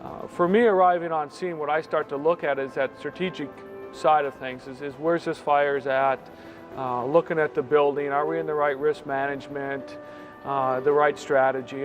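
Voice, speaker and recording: A man, a fire incident commander, talking through an after-action debrief in explanatory trade jargon. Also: on the high side. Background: faint music.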